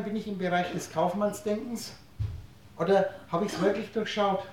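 Spiritual lecturer, mid-pitched, rhetorical and wordplay-driven, captured from afar in a heavily reverberant room. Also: a little mellow, a little hiss or hum. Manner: rhetorical questions and wordplay, explains through everyday analogies. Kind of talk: spiritual lecture to a live audience. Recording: very echoey room, voice distant from mic.

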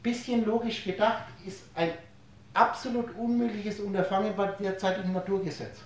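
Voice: medium pitch, fairly even intonation, normal speed. A lecturer giving a spiritual talk to a live audience, posing rhetorical questions and playing with words, explaining through everyday analogies. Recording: very echoey room, voice distant from mic.

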